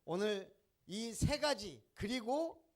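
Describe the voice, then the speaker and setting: A male pastor preaches to his congregation, tossing out questions and answering them himself. His voice sits high and swings widely in pitch as he drives each point home. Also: lively intonation, slow pace. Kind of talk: sermon.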